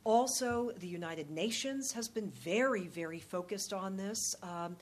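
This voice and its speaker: Woman answering questions, halting and diplomatic. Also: medium pitch. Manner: halting, measured, diplomatic, frequent pauses and repeated words. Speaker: panel speaker, policy expert or diplomat. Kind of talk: unscripted answers at a public question-and-answer session.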